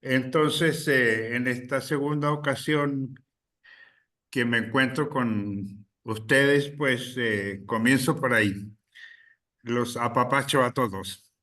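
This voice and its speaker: A man from Chile, a guest speaker, giving a deliberate political talk with many pauses and fillers. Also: medium pitch, sharp tone, far from the mic.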